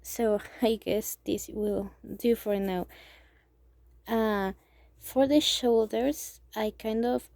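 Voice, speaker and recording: Her voice is on the high side, steady and creaky, recorded with no echo. A young Mexican amateur artist speaking English as a second language with a Mexican Spanish accent, she casually and hesitantly explains a drawing tutorial, thinking aloud in a halting, soft way that now and then becomes nearly a whisper.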